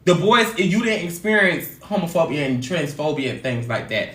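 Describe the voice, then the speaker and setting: A woman hosting a casual livestream chat, telling stories in an expressive, animated way. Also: sits low, normal speed, reverberant. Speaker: livestream host.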